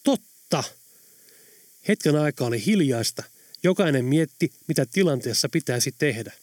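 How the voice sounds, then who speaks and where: A man narrating an audiobook in an even, measured reading style. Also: medium pitch, no room sound, clean studio sound. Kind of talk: scripted narration.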